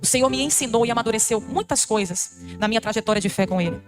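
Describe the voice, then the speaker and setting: A woman's voice: a little high, fast talker, music in the background. A Brazilian woman missionary giving a fervent, emotional testimony to a church congregation, calling them brothers. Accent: Brazilian Portuguese. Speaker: missionary preacher.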